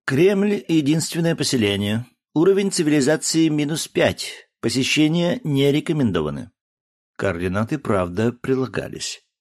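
A man reading a science fiction story as scripted narration, in a measured, expressive storytelling manner. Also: on the low side. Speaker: audiobook narrator.

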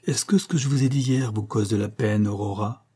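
Devoted, anxious husband in a storybook reading, earnest and pleading, a man reading him in a dark, husky voice. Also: on the low side, brisk.

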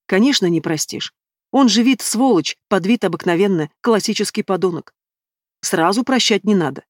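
A brash, bossy young woman who is sure of herself and quick to take offence, as a woman reads her in a fantasy audiobook. Dry, close sound. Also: medium pitch, animated, no echo, lightly acted. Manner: brash, indignant.

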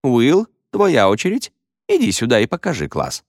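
A man's voice: medium pitch, wildly swooping pitch, normal speed, no echo, clean studio sound, voice pushed up. A man voicing a good-humored male schoolteacher who jokes and teases his class in a wry, encouraging way. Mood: wry, teasing. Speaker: teacher.

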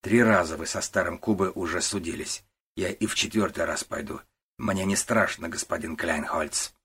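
Man playing an old stubborn worker guy, slow, quiet, husky. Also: sits low, exaggerated voice. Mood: defiant. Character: stubborn old male warehouse worker, about sixty.

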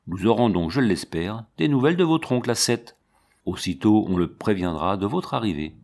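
A man voicing a kindly, fatherly sailor captain in a storybook reading, calm and reassuring. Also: on the low side, normal speed. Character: kindly middle-aged male sailor captain.

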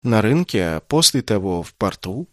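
An earnest young mage-warrior, troubled and a little hesitant, voiced slightly above the reader's low tone, as a male narrator plays him. The audiobook is recorded dry and close. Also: very animated, moderate pace, no echo. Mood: puzzled.

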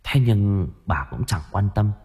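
Brief: male audiobook narrator, low and husky, animated storytelling. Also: unhurried. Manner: expressive, dramatic storytelling.

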